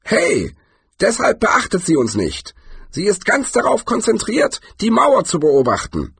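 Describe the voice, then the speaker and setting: A man reading aloud, voicing a shrewd old male barbarian hero in a high, excited voice. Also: unhurried, creaky, slightly rough, no echo, heavily acted.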